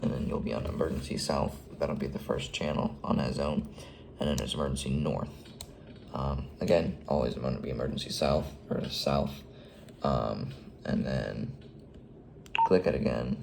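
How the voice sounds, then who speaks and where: Very deep, gravelly man explaining radios. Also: background noise. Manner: hesitant, frequent ums and restarts. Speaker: fleet radio dispatcher. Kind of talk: casual how-to tutorial.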